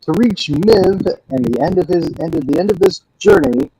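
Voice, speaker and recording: A boy dungeon master sets the scene for a fantasy quest in grand storybook tones, as a young man puts him on. His voice is gravelly and fairly high, slow and weighty on each line. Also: sing-song, background noise, heavily acted.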